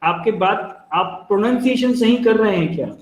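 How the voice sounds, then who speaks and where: A man's voice: sits high, normal speed. An Indian man with an Indian accent giving a telecalling training lecture, explaining with everyday examples and calling his listeners friends. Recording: echoey room.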